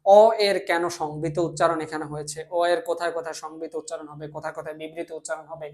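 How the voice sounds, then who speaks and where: A man's voice: on the high side, flat delivery, quick pace, darkish tone. A young man from Bangladesh teaching a language lesson, explaining step by step, often repeating himself and answering his own questions. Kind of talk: classroom lecture.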